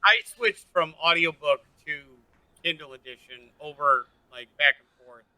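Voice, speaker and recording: A man co-hosting a casual book podcast, blunt and quick to swear. His voice is very bright and fairly high, and he talks in loose, relaxed chat. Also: clear, resonant tone, dry recording, rough recording.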